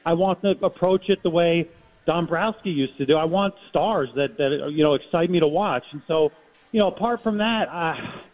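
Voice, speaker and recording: Guy calling in to a radio show, thin tinny phone sound, voice a little on the high side, halting, lots of "you know". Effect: heard over a phone line. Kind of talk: casual call-in opinion. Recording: tinny phone-line audio.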